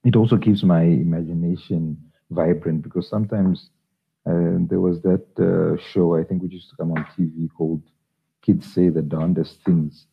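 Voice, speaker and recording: A deep, gravelly man from Zambia answers slowly, with fillers and restarts. His voice comes through a thin, phone-like line, husky and low. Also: fairly even intonation. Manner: hesitant, many fillers and restarts. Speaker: guest, children's author. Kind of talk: interview answers.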